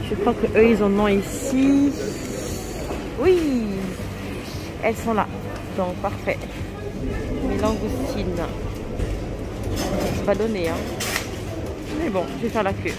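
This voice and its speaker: A middle-aged woman chatting relaxed as she walks through an outdoor market, filming her own vlog. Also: medium pitch. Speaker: cooking vlogger. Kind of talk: walking market vlog narration. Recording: loud outdoor market noise.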